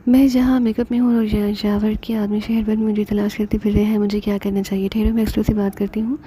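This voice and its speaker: A woman voicing a composed female team leader who gives orders in a brisk, commanding way. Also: medium pitch, level tone, dark tone, a little hiss or hum, lightly acted.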